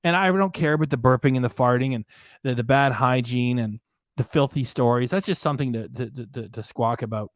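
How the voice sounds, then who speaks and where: Brisk and medium-pitched, a reaction channel host gives live commentary on his chat, ranting with indignation and saying the same things over as his voice gives out. There's no echo. He speaks into a desk microphone concealed behind a graphic.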